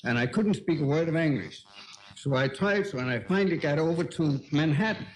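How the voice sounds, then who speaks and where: An older man speaks with a clear Danish accent, his voice sitting a little high. He tells unhurried, chuckling anecdotes as a guest on a television talk show. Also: animated, a little hiss or hum, low-quality recording. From Denmark. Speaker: guest painter. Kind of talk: casual talk-show storytelling.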